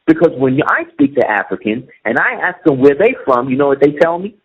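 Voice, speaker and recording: In muffled lo-fi audio, a middle-aged male guest talks casually in a mid-range, very animated voice at a fairly quick clip. He stresses his points hard and keeps asking whether the listener sees what he's saying.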